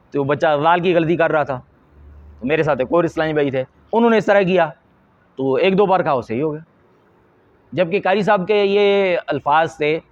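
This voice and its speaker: A man, a Quran teacher from Pakistan, explains pronunciation mistakes to teachers in an earnest, deliberate instructional talk. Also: fairly high pitch. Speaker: Quran teacher and madrasa supervisor. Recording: slightly dull lo-fi audio.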